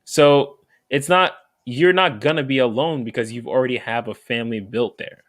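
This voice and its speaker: A man's voice: mid-range voice, normal speed, fairly bright tone, dry recording. Earnest man on a dry panel mic. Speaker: panel guest. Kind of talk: casual panel chat.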